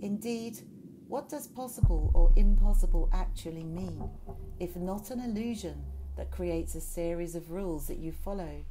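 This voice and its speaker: A woman narrating a guided meditation journey in a slow, soothing second-person voice. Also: on the low side, background noise. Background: loud music.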